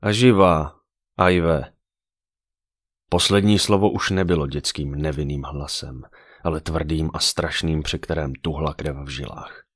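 A man narrating a dark fantasy audiobook with dramatic storytelling. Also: extremely low pitch, fairly even intonation, breathy edge, no echo, clean studio sound.

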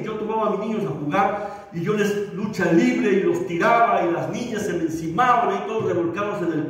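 High-voiced man preaching in an echoey hall. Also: distant mic. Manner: humorous, acts out little dialogues. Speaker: pastor. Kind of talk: sermon. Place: church hall.

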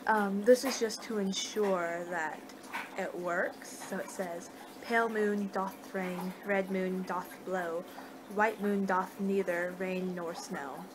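On a noisy homemade webcam recording made indoors in her living room, a young adult woman from the United States plays a vampire in casual ASMR roleplay. She rambles in a mid-range voice with fairly even intonation, taking it slowly.

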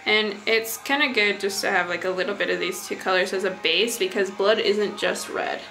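A young adult woman, a vlogger, rambles casually through a makeup tutorial in a small bathroom, muttering offhand as she demonstrates effects. Her mid-range voice moves at a normal speed and sounds creaky, pushed and bright. The camera sits a short distance away, music plays behind her, and the recording is rough.

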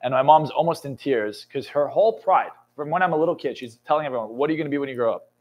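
Speaking in a podcast interview on a studio lounge set, this twenty-something coach and motivational speaker races along, his slightly high voice driving toward excited peaks. He's emphatic, intense and swears a lot, and the recording sounds muffled.

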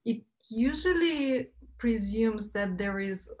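Woman panel host, thirties, slow and deliberate, video call from home. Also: on the high side, animated, rough recording. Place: home room with shelves and plants.

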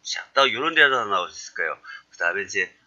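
A male teacher with a very bright, forceful voice and a fairly low pitch. He acts out short dialogue lines and then explains them. The recording is dull and lo-fi. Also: expressive, quick pace. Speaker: English teacher. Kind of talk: lecture.

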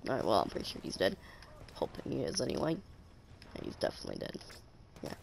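A man's voice: lowish voice, wildly swooping pitch, fast, creaky, background noise. A young man with a stuffy nose giving casual, sarcastic commentary while playing a game, joking and talking to enemies. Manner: sarcastic, jokey, talks to enemies. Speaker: gameplay commentator. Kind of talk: casual let's-play commentary.

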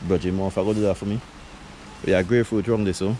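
A vlogger from Saint Vincent and the Grenadines, a middle-aged man with a Vincentian accent, walks viewers through his backyard garden in relaxed, casual chat full of laughter and creole phrasing. His voice sits low and he speaks at a quick pace, with a little hiss or hum audible.

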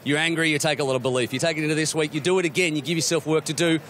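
A male host chats with athletes in a fast, joking, informal manner. His voice sits a little high, and faint outdoor ambience is heard behind him. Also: fairly even intonation, fairly bright tone, slight background noise. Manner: jokey, quick, informal. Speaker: host and interviewer. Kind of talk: live post-race interview. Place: outdoors at a race venue.

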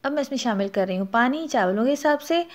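A woman with a Pakistani Urdu accent hosts a cooking channel, explaining a recipe step by step and offering practical tips. She speaks fast in a high voice with lively intonation, in an instructive manner.

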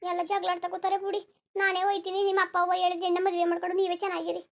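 A woman's voice: very high voice, level tone, very fast, gravelly, lo-fi sound. Woman voicing a meek young village bride. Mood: apologetic. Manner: humble, apologetic.

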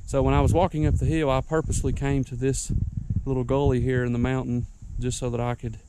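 A man's voice: medium pitch, flat delivery, fast, background noise. Winded man on a mountainside. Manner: folksy, rambling, repeats tips. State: out of breath. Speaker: ginseng hunter vlogger. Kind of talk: casual outdoor how-to vlog. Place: wooded mountainside outdoors.

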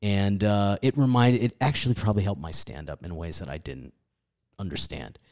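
A man in his forties with a very low voice talks loosely on a podcast. He rambles from thought to thought, puts himself down and swears casually. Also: normal speed, darkish tone. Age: 40s. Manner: rambling, self-deprecating, swears freely. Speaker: comedian guest.

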